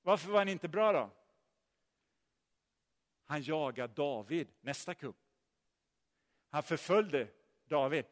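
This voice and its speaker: A man preaching a sermon, telling the story in a lively way and putting questions to his listeners. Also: on the high side, pauses often. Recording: long hall reverb.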